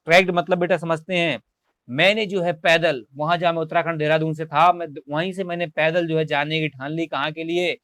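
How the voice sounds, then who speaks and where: A man's voice: fairly high pitch, a bit bright, clean tone, no room sound. A male teacher, leading an online class. He reads English lines and explains each word, asking and answering his own questions. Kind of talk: online class lecture, translating English text.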